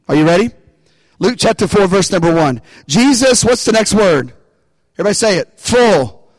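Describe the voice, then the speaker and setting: A man's voice: high-pitched, dry recording, poor audio. A man preaching a sermon, calling out to the congregation for responses and rising into bursts of emphasis. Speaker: pastor.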